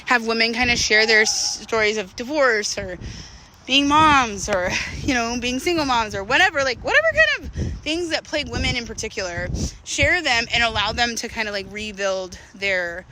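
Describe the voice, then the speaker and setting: Over a noisy background, a woman in her thirties chats at a moderate pace, her voice a little high and animated. As a vlogger, she rambles in a candid, slangy, confessional way while out walking.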